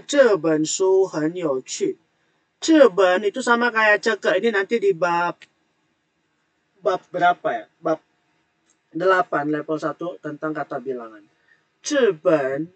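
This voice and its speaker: A man teaching an online language class, explaining words and tones patiently and repeating them slowly. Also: high-pitched. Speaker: Mandarin teacher.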